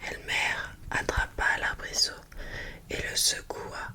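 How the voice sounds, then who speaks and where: An ASMR host reading a children's picture book aloud in a hushed library whisper, with gentle phrasing and small asides to listeners. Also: takes it slowly.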